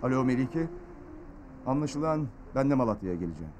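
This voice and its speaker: A man's voice: medium pitch, very animated, fairly quick, background noise, natural voice. An actor playing a reluctant newspaper man. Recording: music behind.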